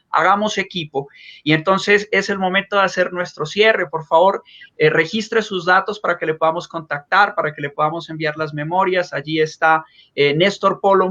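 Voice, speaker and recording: A Colombian man with a fairly high, bright, forceful voice moderates a panel over a video call. His delivery is formal and courteous, and the audio comes through dull and lo-fi.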